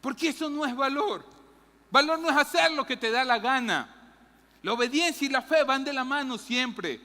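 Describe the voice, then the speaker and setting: A woman preaching a lively sermon in a church, acting out Bible characters. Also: high-pitched, normal speed, long reverb tail. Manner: animated, acts out Bible characters' lines, jokes with the audience. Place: church hall.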